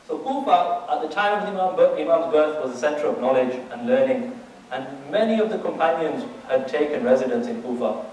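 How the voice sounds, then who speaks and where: A man's voice: a little high, lively intonation, normal speed, darkish tone, slight background noise. Echoey lecture, man teaching from afar. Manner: talks to the audience with rhetorical questions and checks; frequent restarts and repeated words. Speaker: Islamic teacher. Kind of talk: religious lecture. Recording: very echoey room, distant mic.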